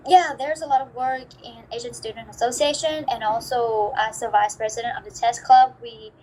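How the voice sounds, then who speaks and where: Chatty woman from vietnam in an interview, lots of "like"s, bit high-pitched, faint noise behind. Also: normal speed, rough recording. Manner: chatty, many "like" fillers, animated quotes. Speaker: interview guest, student abroad. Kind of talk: casual interview answers.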